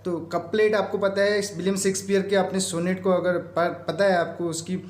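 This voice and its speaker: An Indian man teaching English literature for exam prep, explaining step by step, asking questions and answering them himself, and reading quiz items out slowly. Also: sits high, level tone, echoey room. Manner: reads English quiz items slowly, mixing English terms into Hindi.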